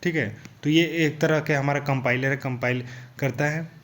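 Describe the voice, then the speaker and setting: A man's voice: fairly high pitch, steady tone, normal speed, a bit bright. Young guy teaching coding basics, chatty and repetitive, keeps saying okay guys. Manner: repetitive, loose, filler "thik hai" and "guys". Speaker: programming tutor. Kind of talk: casual tutorial explanation.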